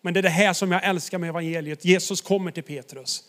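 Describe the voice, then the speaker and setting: A man's voice: high voice, steady tone, a bit bright. A man preaching a sermon, retelling a story with emphasis and turning to the listeners directly.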